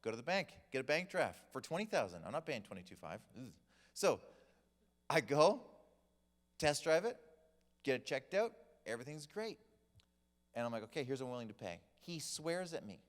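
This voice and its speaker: A man's voice: medium pitch, moderate pace, long pauses. A man teaching a class to a group in a church hall, telling stories with humor and acting out the people in them. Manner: animated storyteller, acts out quoted people. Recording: long hall reverb.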